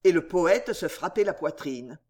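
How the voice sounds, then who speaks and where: A woman reading a historical novel aloud in measured, expressive narration. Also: lowish voice, husky. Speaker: audiobook reader.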